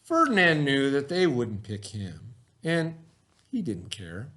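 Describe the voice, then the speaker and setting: A man's voice: medium pitch, huge pitch swings, slow pace, pushed and bright. A man hosting a read-aloud, telling a children's story expressively with informal asides to his listeners.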